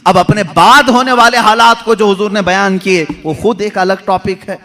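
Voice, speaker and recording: A middle-aged male preacher giving a sermon, swinging from loud poetic recitation to hushed storytelling. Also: high-pitched, fairly even intonation, moderate pace. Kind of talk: Urdu-Hindi religious sermon.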